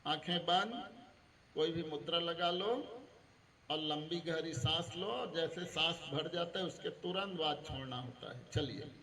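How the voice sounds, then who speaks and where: A man's voice: a little high, a little slow, sharp tone. A man, a school teacher guiding his students through yoga exercises and coaxing them with questions. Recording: echoey room, distant mic, faint background noise.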